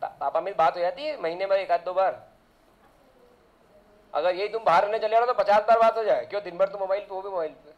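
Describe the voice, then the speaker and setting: High-voiced chatty male physics teacher. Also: brisk, muffled recording. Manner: chatty, drifts into side rants with rhetorical questions. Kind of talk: casual classroom lecture.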